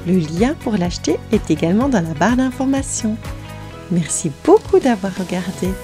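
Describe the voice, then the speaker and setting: A woman narrating a children's storybook in an expressive, lively manner. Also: medium pitch, normal speed, faint music behind.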